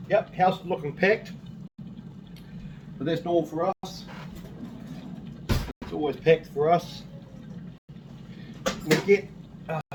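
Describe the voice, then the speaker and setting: A man's voice: on the high side, noisy background. A man, rambling chattily through a casual home vlog from his kitchen and swearing now and then. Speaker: vlogger. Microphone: handheld camera.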